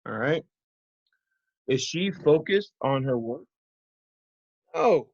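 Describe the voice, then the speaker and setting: Male primary teacher, mid-pitched, simple instructive delivery with check-in questions, dry but slightly dull recording. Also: animated, takes it slowly, dry recording. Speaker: teacher of young children. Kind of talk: simple interactive children's lesson.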